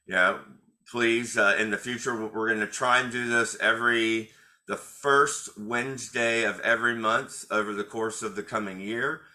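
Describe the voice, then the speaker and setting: A man's voice: fairly low pitch, sharp tone. A middle-aged male attorney hosting an informal webinar, speaking hesitantly with many fillers and restarts.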